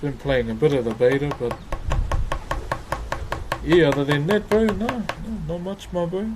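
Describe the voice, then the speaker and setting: A man's voice: fairly high pitch, moderate pace. A man with a New Zealand accent chatting casually on a livestream in a laid-back, slangy way as he answers viewers. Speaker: live streamer. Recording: clearly noisy background ambience.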